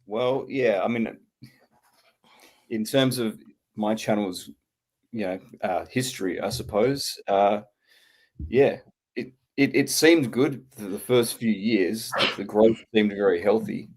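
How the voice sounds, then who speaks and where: A man with a New Zealand accent, a podcast co-host, speaking in a measured, reflective way with pauses. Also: fairly low pitch, breathy edge. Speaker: podcast co-host and channel creator. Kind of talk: casual roundtable chat.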